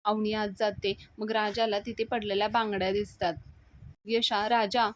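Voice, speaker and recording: A woman retelling a TV serial episode, acting out each character's lines in a lively way. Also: mid-range voice, normal speed.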